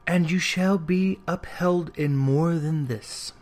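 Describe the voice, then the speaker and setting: A man voicing a gentle, solemn ghost in a storybook reading, speaking softly, slowly and formally, with quiet reproach. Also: on the high side. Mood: gentle, commanding. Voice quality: soft, hushed.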